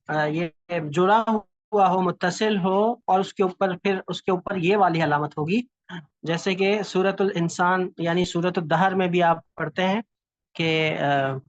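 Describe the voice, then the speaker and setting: A man teaching a class, explaining patiently and haltingly, with pauses and fillers. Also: high-pitched, steady tone, no room sound, lo-fi sound. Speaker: calligraphy teacher.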